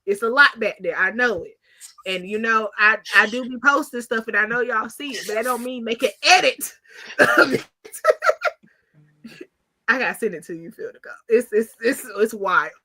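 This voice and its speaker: A woman's voice: fairly high pitch, moderate pace, pushed and bright. An American woman chatting playfully and casually as a podcast panelist, on a clicky mic. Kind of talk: casual chat.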